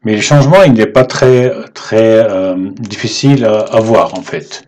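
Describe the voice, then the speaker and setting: A man teaching the alphabet in French, patient and halting, often checking in with "ok?" as he writes. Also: fairly low pitch, a little mellow. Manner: slow, halting delivery with fillers. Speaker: Arabic teacher. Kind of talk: whiteboard lesson explaining letters.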